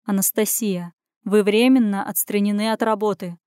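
A woman's voice: medium pitch, fairly even intonation, a little mellow, clean tone, no echo, close to an everyday voice. A woman reading a story voices a stern, restrained middle-aged male department head who speaks curtly and dryly. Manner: curt, dry, measured.

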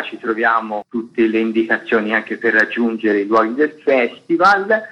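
A festival artistic director, interviewed as a guest on radio, explains a programme at length in articulate, long-winded sentences. His medium-pitched voice is slightly rough, and the sound is lo-fi.

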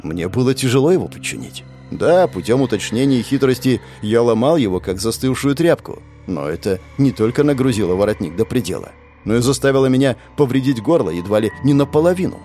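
A man's voice: medium pitch, expressive, fairly quick, warm tone, soft background music. A man giving gritty, intense first-person fantasy audiobook narration, swearing now and then.

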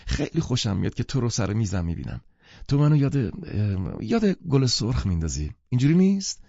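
A man's voice: on the low side, expressive, mellow, no echo, muffled recording. A male narrator voicing a playful young woman who speaks in a teasing, sing-song way. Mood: confiding.

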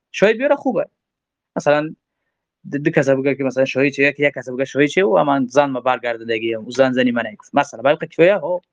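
A man's voice: a little high, dry recording. A man gives a religious law lecture, reading Arabic lines and explaining them with rhetorical questions. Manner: reads Arabic text aloud, then explains with rhetorical questions. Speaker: religious teacher. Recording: dull, lo-fi dry recording.

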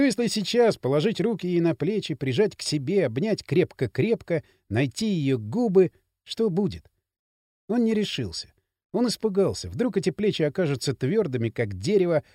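A man reading an audiobook as its narrator, in an expressive, dramatic way. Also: high-pitched, dry recording, clean studio sound. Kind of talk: scripted narration.

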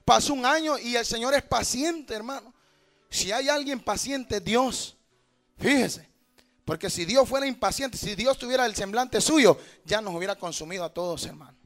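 A man preaching a fervent sermon to his congregation in a church, swinging from quiet asides to shouts. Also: very high-pitched, normal speed, soft background music. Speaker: pastor.

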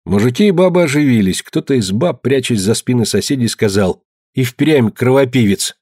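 Husky male audiobook narrator. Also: mid-range voice, dry recording, clean studio sound. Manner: measured, even storytelling. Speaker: audiobook reader. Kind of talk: scripted narration.

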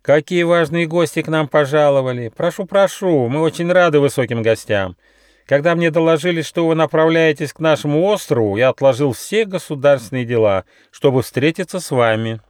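A sly old grey fox inquisitor from a storybook, oozing false courtesy with a high, sing-song lilt that rides well above the reader's own voice, as a man puts him on. He turns sneering and stern without losing the oily tone. The sound is close and dry. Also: fairly quick, no echo, close to an everyday voice. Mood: oily, mocking. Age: older. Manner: mock-sweet, theatrical, sneering.

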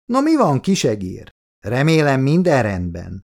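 A man reading an audiobook, voicing a kindly old man who talks gently to a little girl. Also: mid-range voice, wildly swooping pitch. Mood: gentle. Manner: gentle, coaxing.

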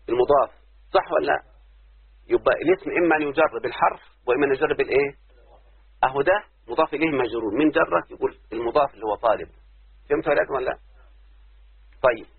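A man's voice: mid-range voice, creaky, breathy edge, dry recording. A man with an Egyptian accent teaching Arabic grammar to a class and often stopping to ask whether they understood. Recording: dry, tinny phone-like audio.

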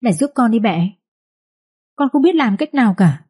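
A woman's voice: fairly high pitch, expressive, normal speed, mellow, breathy edge, voice pushed up. Woman voicing a jilted, pleading young village girl. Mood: tearful. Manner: pleading, tearful.

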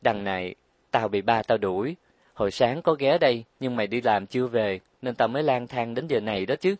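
A man's voice: mid-range voice, expressive, a little fast, darkish tone, no echo, close to an everyday voice. A man reading an audiobook, voicing a proud, stubborn young wife who complains and talks back. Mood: complaining. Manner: defiant, complaining.

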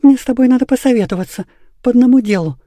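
A woman's voice: fast, dark tone, no echo, studio quality, lightly acted. A woman doing a sobbing remorseful schoolgirl. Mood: secretive. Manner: sobbing, high and pleading. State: crying.

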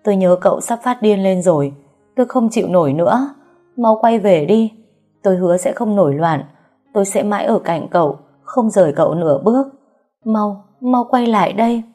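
A woman's voice: medium pitch, expressive, normal speed, mellow, soft background music, close to an everyday voice. A woman voicing a grieving young wife who wails and pleads through tears. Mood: wailing plea. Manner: wailing, tearful pleading.

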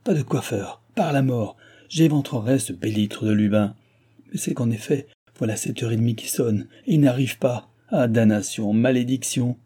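A man's voice: fairly low pitch, moderate pace, dark tone, slightly rough. Man doing a raging, cursing viscount. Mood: furious. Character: hot-tempered noble viscount, man, blustering.

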